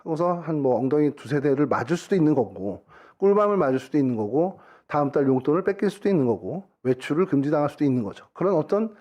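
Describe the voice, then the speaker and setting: A man's voice: a little high, darkish tone. A middle-aged man preaching a sermon in a church, talking in an easy, conversational way and acting out little everyday dialogues. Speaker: pastor. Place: church sanctuary.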